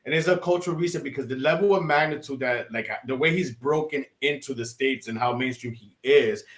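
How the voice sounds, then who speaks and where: Excitable man chatting in an echoey room. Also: medium pitch, brisk. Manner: excitable, rambling with many restarts and fillers. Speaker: podcast co-host. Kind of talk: casual chat.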